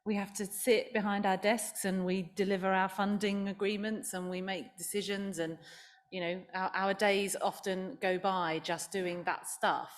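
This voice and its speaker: A woman's voice: mid-range voice, flat delivery, moderate pace. A woman speaking on a panel at a live event, chatty and informal. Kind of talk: panel talk. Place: large event hall.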